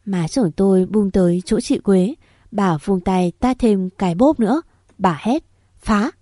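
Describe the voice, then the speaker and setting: A woman narrating a first-person story in a steady, even way. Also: medium pitch, unhurried, no echo, studio quality.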